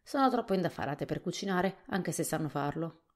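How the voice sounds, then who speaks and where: A woman reading a storybook softly, voicing a thoughtful, worried male scarecrow king. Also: lowish voice, animated, brisk.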